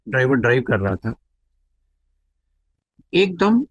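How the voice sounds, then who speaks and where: Slow, reflective middle-aged man. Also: medium pitch, no echo, muffled recording. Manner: unhurried, reflective storytelling that mixes in English phrases. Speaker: devotee sharing a personal testimony. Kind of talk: unscripted spoken testimony.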